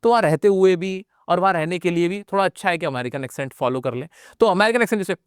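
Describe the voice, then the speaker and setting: A man's voice: high-pitched, fast talker, clean tone, no echo, studio quality. A man teaching a spoken English class with an Indian accent, talking straight to his students in a motivational way and repeating his phrases for emphasis. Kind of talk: energetic online class lecture.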